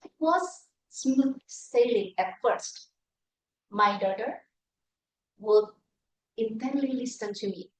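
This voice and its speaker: In a meeting room with lots of echo, a middle-aged woman from Indonesia delivers a rehearsed comic talk at a speaking club, poking fun at herself through personal anecdotes. Her pitch sits on the high side, and the microphone is far away.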